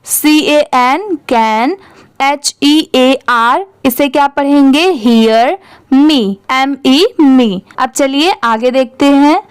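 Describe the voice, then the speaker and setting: Patient woman teacher, slow and deliberate, high voice, walks through spellings letter by letter. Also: no echo. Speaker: English reading teacher. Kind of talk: spelling out and reading English words.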